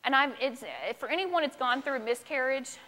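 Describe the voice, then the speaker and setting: Woman in her thirties, emotional testimony to a group, somewhat high voice, long hall reverb. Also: fairly quick, sharp tone. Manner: earnest, emotional, speaking to a group. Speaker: speaker giving a testimony. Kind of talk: personal testimony talk.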